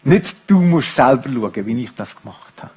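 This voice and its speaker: A middle-aged man preaching a sermon, moving between quiet, reflective passages and raised, emphatic speech. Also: mid-range voice, animated, normal speed, slightly rough.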